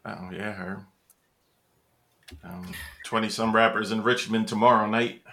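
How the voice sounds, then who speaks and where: An American man with a smooth baritone co-hosting a podcast in blunt, profane, cocky casual chat. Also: fairly even intonation, a little slow, sharp tone. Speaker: podcast co-host.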